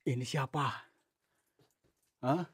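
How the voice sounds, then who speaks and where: A man exploring a cave, talking in a coaxing, soothing, often hushed way. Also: medium pitch, takes it slowly, husky, no echo, clean studio sound. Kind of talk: staged exploration vlog. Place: inside a cave.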